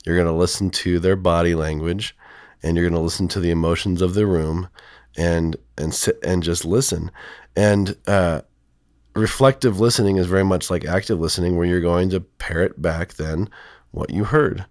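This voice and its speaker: A male counselor with a voice lowered by illness, explaining in a rambling, hesitant way full of fillers. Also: steady tone, moderate pace, a little mellow, dry recording, studio quality. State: sick, voice lowered from strep throat. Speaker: counselor and podcast co-host. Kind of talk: casual podcast conversation.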